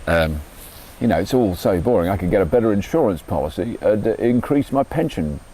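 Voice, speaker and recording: A man's voice: fairly low pitch, brisk, slightly rough, poor audio. A middle-aged man, rambling in a casual, self-mocking vlog monologue from his garden. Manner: chatty, self-mocking, animated. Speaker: vlogger. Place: garden, outdoors.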